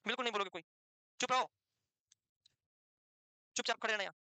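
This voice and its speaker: In this classroom lecture, a man with a high, bright, clear and resonant voice teaches at a fast pace. He is a brisk, teasing joker who scolds his students as he dictates notes. The sound is close and dry, free of echo.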